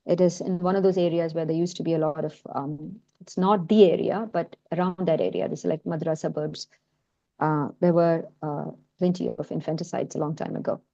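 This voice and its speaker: Talking fairly quickly in a low, gravelly, warm voice with fairly even intonation, a woman presents her film work informally in an online session. She speaks Malayalam and has a mixed Indian and American accent, and her delivery is hesitant with many fillers and restarts. The sound is lo-fi.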